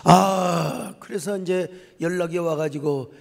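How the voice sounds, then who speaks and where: A middle-aged man preaching in a large church sanctuary, his high voice ringing with long reverb. He tells his story dramatically, dropping to hushed tones, then rising to shouts. There is a gravelly edge to his words. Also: steady tone, takes it slowly. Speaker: pastor. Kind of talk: sermon.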